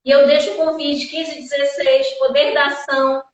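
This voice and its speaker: A woman's voice: sits high, level tone, moderate pace. A woman hosting a live chat in an effusive, rambling, thankful way, heard from a distance. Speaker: live-stream host. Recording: echoey, distant, dull sound.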